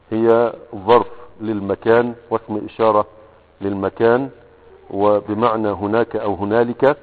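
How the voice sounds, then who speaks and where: A man with an Egyptian accent patiently explaining a grammar lesson, posing questions to himself and pausing often to find words. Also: fairly low pitch. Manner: patient, explanatory, asks and answers his own questions, frequent hesitations. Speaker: teacher of Arabic grammar. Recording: tinny radio broadcast with long reverb.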